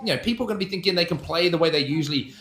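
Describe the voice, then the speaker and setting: A man's voice: a little high, lively intonation, very fast, a bit bright, roomy sound. A man commentating live on an esports match as one of its casters.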